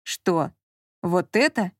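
A woman reading an audiobook, voicing an easygoing, puzzled grown man in a mild, unhurried way. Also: medium pitch, no echo, studio quality, natural voice. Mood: indignant.

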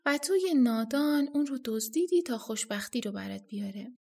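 Stern old hermit sage, voiced by a woman narrator, slow, weighty scolding, storybook reading. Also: on the high side, expressive, creaky, a little mellow.

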